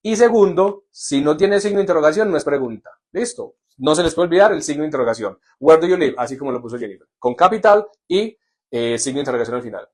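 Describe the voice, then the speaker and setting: A man with a fairly high voice teaches a live class. He keeps it light and joking and keeps checking that everyone is following. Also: quick pace. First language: Spanish. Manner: lively, jokey, asks "¿listo?" often. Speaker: English teacher. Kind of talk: live online lesson.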